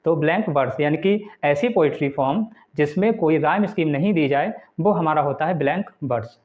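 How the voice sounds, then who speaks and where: High-voiced male teacher, tinny sound. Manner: explains patiently, reads English definitions slowly then explains in Hindi. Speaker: English literature teacher. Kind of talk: classroom lecture, Hindi with English readouts.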